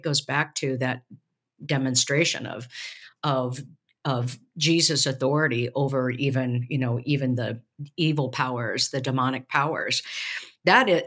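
A woman's voice: extremely low pitch, sharp tone, breathy edge. A woman co-hosting a casual discussion about a Bible passage on a video call, thinking aloud with frequent restarts and fillers. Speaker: podcast co-host, preaching professor. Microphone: webcam on a video call.

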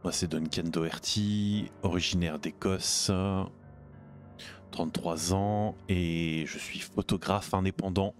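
A man playing a tabletop game over a video call, speaking in a calm, measured way. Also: low voice, faint music behind. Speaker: player. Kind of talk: tabletop game role-play. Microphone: headset on a video call.

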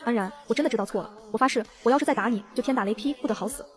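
A woman's voice: a little high, rapid-fire, natural voice. A woman reading the lines of an abusive young husband in a novel, wheedling by turns and snappish by turns. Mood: pleading. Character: pleading, then irritable abusive young husband.

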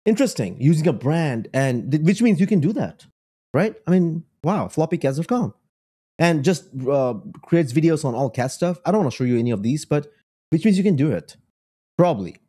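A man's voice: on the high side, sing-song, fairly quick, mellow, husky. A young man from a Bengali background, joking and exclaiming as he comments casually on videos and sites while sharing his screen. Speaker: online business creator.

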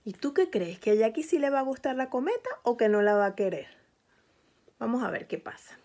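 Woman storyteller, kids' picture-book reading, gentle, talks to the child, fairly high voice. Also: sing-song, fast talker. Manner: gentle, speaks to the child listener.

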